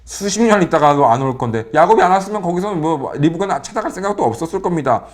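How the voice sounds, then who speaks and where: A man teaching about a Bible character in a joking, lively way, full of rhetorical questions. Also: a little high, quick pace. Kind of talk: humorous Bible character talk.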